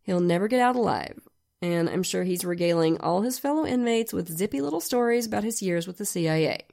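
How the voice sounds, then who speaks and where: A hoarse woman with a gravelly, croaky voice, telling true crime stories conversationally as a podcast host, in a wry, emphatic way. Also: lowish voice, animated, a little fast, warm tone. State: hoarse from a sinus infection.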